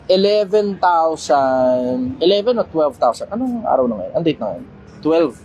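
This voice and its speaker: A man hosting a casual livestream Q&A, talking bluntly, swearing casually and getting loud when he makes a point. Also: on the high side, sing-song, unhurried, lo-fi sound, a little hiss or hum. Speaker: livestream host answering questions.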